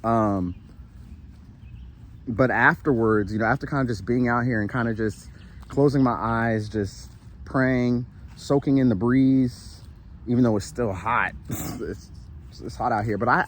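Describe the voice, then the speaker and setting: A man of medium range and normal speed offers an earnest spiritual pep talk as he walks in the shade, tired and sweaty, with a little hiss or hum in the audio. As a motivational vlogger keeping things casual, he circles back on his points, restarts and often asks "right?"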